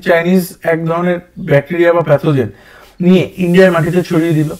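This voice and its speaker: A male host delivers urgent explainer commentary, mixing English words into his speech. His voice sits high and he talks at a quick clip. The tone is a steady warning to his viewers. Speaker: channel host.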